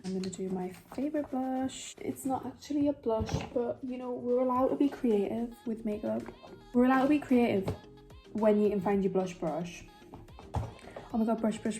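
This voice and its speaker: A woman's voice: medium pitch, warm tone. Chatty Geordie woman doing makeup. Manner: chatty, rambling, self-mocking. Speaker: beauty vlogger. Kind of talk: casual chat while doing makeup.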